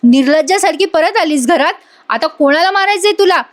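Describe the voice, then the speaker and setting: Woman voicing a taunting young woman, high. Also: lively intonation, fairly quick. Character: sharp-tongued young woman of the family.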